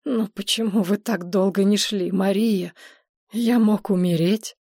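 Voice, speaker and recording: A woman voicing a shaken, hoarse male historian who talks slowly and apologetically in an audiobook. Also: mid-range voice, steady tone, dark tone, no echo, clean studio sound. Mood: hoarse, plaintive. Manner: slow, apologetic, babbling.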